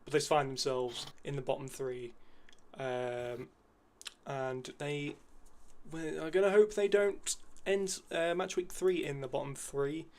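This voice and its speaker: A man guesting on a casual football predictions chat, relaxed with frequent ums and uhs. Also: on the high side, measured pace.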